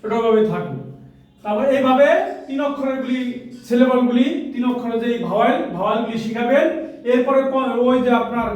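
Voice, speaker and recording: A man teaching English spelling and syllables to parents, reading out letter sounds in slow, sing-song drills. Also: very high voice, fairly even intonation, a little mellow. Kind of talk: phonics lesson for parents. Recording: echoey room, far from mic.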